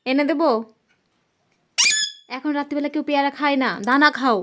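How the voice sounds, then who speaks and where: A woman at home at night coaxing and gently scolding her pet parrot. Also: high voice, level tone, a little fast. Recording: loud background noise.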